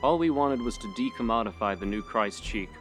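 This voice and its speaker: A man narrating a short story in a steady, measured first-person reading. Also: medium pitch, soft background music. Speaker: audiobook narrator.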